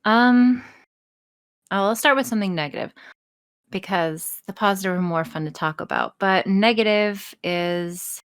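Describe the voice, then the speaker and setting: A smooth, medium-pitched female voice, a little slow, belongs to a voice actress and audio creator chatting openly as an interview guest. She's frank, pokes fun at herself and swears freely.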